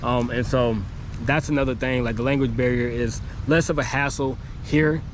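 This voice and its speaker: With medium pitch, fairly even intonation, and normal speed, a male travel vlogger who is losing his voice chats to camera in a rambling way, using many fillers. He's outside on a city street near construction, and traffic noise makes the recording noisy.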